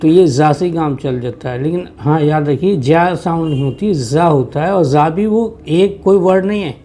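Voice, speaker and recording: A man gives a patient lesson on English pronunciation, explaining in Hindi. He repeats phrases and draws out each sound slowly so learners can follow. His voice sits a little high for a man. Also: dark tone, faint music behind. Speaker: English teacher.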